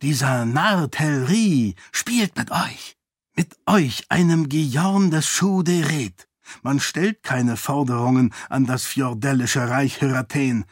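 A small, fanatical priest who gloats in a slow, hushed, menacing voice, pitched a little above the reader's own, as a man puts him on in an audiobook. The sound is dry and close, with no room around it. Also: dry recording. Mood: gloating, menacing.

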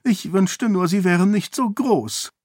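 A man voicing a small, flighty middle-aged queen who rambles on in a high voice. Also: expressive, a little slow, darkish tone, no room sound, clean studio sound. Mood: prattling. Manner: rambling, high-pitched, breathless chatter.

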